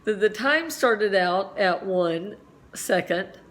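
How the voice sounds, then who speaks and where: A woman's voice: mid-range voice, animated, slow pace, a bit bright. A middle-aged woman teacher explaining a physics lesson step by step, chatty and full of asides, with a slight cough.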